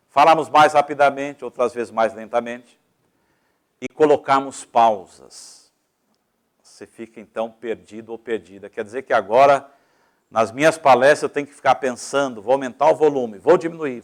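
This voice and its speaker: A man with a Brazilian Portuguese accent delivers a didactic lecture on public speaking in a medium-pitched voice. He explains step by step, freely varying his volume and pace.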